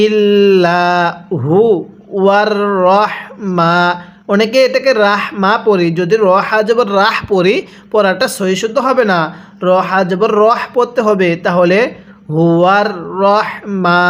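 A man teaching Quran reading. He sounds out each syllable slowly, asks how to read it, and prompts the viewer to repeat after him. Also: high voice. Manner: spells out syllables slowly, then explains quickly. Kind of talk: Quran recitation lesson.

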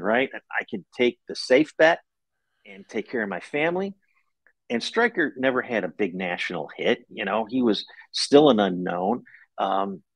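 A middle-aged man, interviewed as an author, walks through a story one step at a time in a measured, conversational way, occasionally halting. His mid-range voice has a creaky quality. He's on a video call from home, and there's very little echo.

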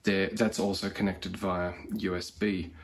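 Relaxed man giving a kitchen walkthrough. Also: sits low, a little slow, slight background noise. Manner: relaxed, conversational, frequent fillers. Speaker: cooking streamer. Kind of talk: casual tech walkthrough. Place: home kitchen, indoors.

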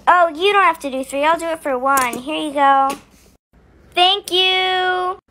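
A woman narrating and acting out a comic fidget trading skit, excitable and speaking to her viewers. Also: very high voice, a little slow, slight background noise. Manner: excitable, gasping, addresses viewers. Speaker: skit creator.

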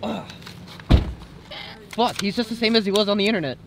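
A man's voice: high-pitched, a little fast, creaky, noisy background. A young man hosting a casual vlog from inside a vehicle, laid-back and joking, laughing often. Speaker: vlogger host.

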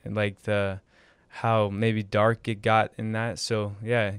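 A man's voice: fairly low pitch, flat delivery, slow, clear, resonant tone, no echo. A young man, a pastor co-hosting a podcast, praying earnestly and chatting in a small studio on a close mic. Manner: earnest, with frequent fillers in prayer. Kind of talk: prayer and casual podcast chat.

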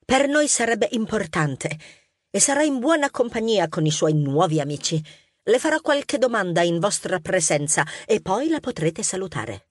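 A friendly, witty police inspector mouse, played by a woman, businesslike with a teasing edge. Her voice is slightly husky with lively pitch, recorded dry and close. A storybook figure of calm authority. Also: normal speed, no room sound. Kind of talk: audiobook character acting.

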